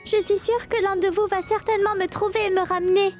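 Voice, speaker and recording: A lost little girl in a dubbed television drama, with a very high, childlike voice. She sounds plaintive as she calls to her parents. Faint music plays beneath. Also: flat delivery, brisk. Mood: teasing. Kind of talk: French dub of a TV drama. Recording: soft music under dialogue.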